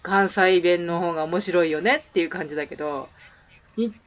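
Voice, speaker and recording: A woman's voice: fairly low pitch, moderate pace, dull audio. A woman co-hosting a podcast, casually telling stories and acting out the lines of the people in them. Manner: animated anecdote-teller, acts out quoted dialogue. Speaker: podcast co-host. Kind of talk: casual storytelling chat.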